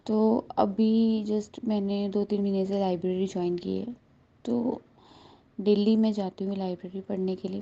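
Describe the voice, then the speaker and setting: A woman's voice: mid-range voice, gravelly, dark tone. A woman in her thirties giving an earnest, heartfelt devotional testimony to a congregation. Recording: dull lo-fi recording.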